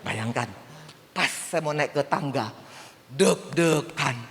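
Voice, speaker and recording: A woman's voice: a bass voice, slow, gravelly, a little hiss or hum. A woman evangelist giving a sermon in a large church, telling stories and putting questions to the congregation. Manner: lively storytelling, asks the congregation questions. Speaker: evangelist preacher. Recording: long church-hall reverb.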